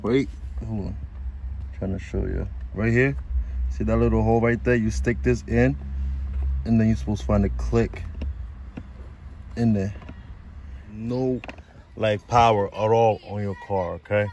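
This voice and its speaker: A man's voice: lowish voice, steady tone, a little slow, vocal fry, long pauses, darkish tone, highs cut off, slight background noise. A man vlogging about his car in a hyped, slangy way, often calling out "baby". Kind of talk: casual DIY vlog.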